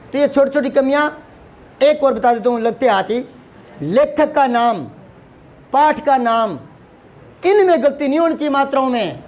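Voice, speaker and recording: A man teaching a lesson to students, scolding and asking rhetorical questions, often repeating words for emphasis. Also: very high-pitched. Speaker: Hindi teacher.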